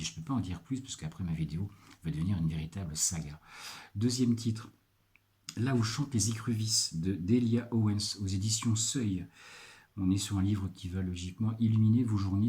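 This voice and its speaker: Hesitant low-voiced French man, mellow tone. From France. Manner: hesitant, many filler pauses, reads from notes. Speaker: librarian presenting book and music picks. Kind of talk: casual video presentation.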